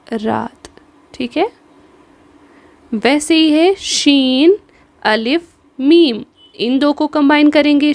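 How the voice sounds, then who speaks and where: A woman with a Kashmiri accent giving an exam-prep lesson on the Urdu script. She spells out the letters slowly and keeps checking in with her students. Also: high-pitched, creaky, darkish tone, no echo. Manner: patient, repeats "theek hai", spells letters slowly. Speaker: Urdu teacher.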